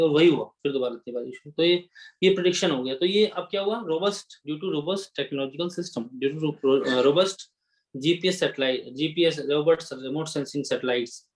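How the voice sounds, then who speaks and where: A man teaching exam-prep geography, explaining off the cuff in Hindi with English terms mixed in, with fillers and restarts and a habit of checking in with his students. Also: fairly high pitch. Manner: repeats "ठीक है" to check in with students.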